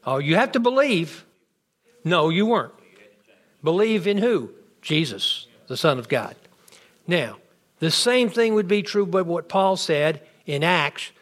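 A man's voice: high-pitched, sing-song, measured pace, a bit bright. A man teaching a bible class, firing off questions and answering them himself. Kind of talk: interactive bible class lecture.

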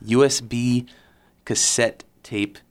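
A man's voice: medium pitch, fairly even intonation, slow pace. A man speaking casually and a little hesitantly as a musician guest in a radio interview.

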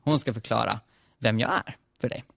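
A man voicing Jesus in a dream, speaking calmly and with authority. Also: medium pitch, creaky, no room sound, clean studio sound.

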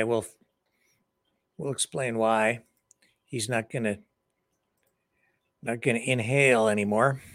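A man's voice: on the high side, gravelly, no echo, clean studio sound. A man hosting an online news show, talking casually and sardonically to his viewers. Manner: chatty, sardonic, asides to viewers. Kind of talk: casual opinion commentary.

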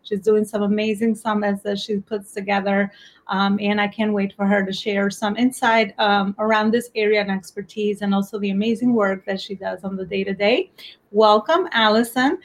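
A woman with an Albanian accent hosts an interview show over a video call from her home office in New York. Her mid-range voice is steady and moderately paced, and she's upbeat and enthusiastic, repeatedly saying "amazing."

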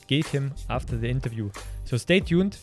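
A man's voice: medium pitch, expressive, moderate pace, soft background music. A man hosting a podcast, chatty and stumbling over his words as he asks questions. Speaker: podcast host. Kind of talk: casual interview chat.

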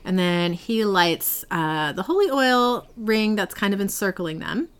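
A woman retelling a TV episode in a relaxed podcast chat, with lively, swooping pitch and a chatty, giggly way of telling it. She sounds animated and casual, with her pitch in a middle range. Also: a little slow, clean tone. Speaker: podcast host recapping a TV episode.

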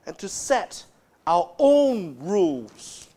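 A man preaching a sermon as pastor, speaking emphatically and dropping low and soft to stress key words. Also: huge pitch swings, very slow, gravelly.

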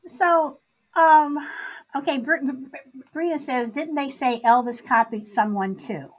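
A woman hosting a casual online audio room, animated and stammering, often repeating her words. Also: sits high, slow pace. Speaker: host.

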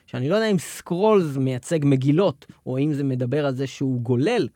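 A man's voice: mid-range voice, warm tone, no echo, clean studio sound. A man hosting a radio request show, bantering playfully and teasing with repeated words.

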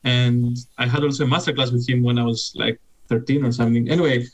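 A young Greek man from Greece, Greek being his first language, chats casually as a guest musician. He rambles, leaning heavily on "like" and "you know," in a mid-range, slightly bright voice on a low-quality recording.

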